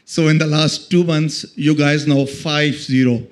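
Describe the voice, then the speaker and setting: A man's voice: on the high side, steady tone, a little slow. A man, a TV journalist, who politely congratulates before asking his question at a press conference.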